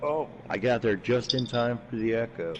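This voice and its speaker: A man's voice: mid-range voice, expressive, normal speed. A man chatting casually as a player in an online tabletop roleplaying game. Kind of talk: casual chat. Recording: faint background noise, online voice chat.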